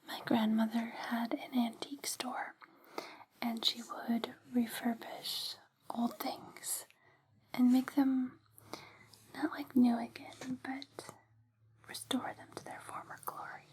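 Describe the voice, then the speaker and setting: Breathy whispering ASMR woman. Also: on the high side, little pitch movement. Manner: slow, gentle, deliberate phrasing. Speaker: ASMR host.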